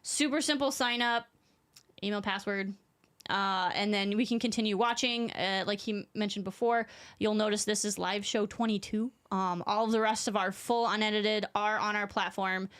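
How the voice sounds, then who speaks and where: A woman co-hosting a live stream, chiming in briskly and explaining sign-up steps in a casual way. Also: medium pitch, steady tone, fairly bright tone, clean tone. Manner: brisk agreeing interjections. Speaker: podcast co-host.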